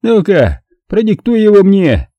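A man's voice: high-pitched, wildly swooping pitch, a little slow, mellow, dry recording, voice pushed up, heavily acted. A male audiobook reader voicing a drunk, bitter man who slurs and sneers sarcastically. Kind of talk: audiobook character voice.

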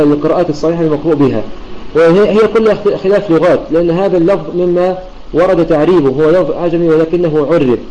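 Fast-talking man teaching a religious text. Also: fairly high pitch, warm tone. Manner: methodical explaining, repeats and restates points. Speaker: Quran recitation teacher. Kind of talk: online religious lesson. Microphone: computer mic in an online voice chat room. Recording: dull lo-fi online voice chat.

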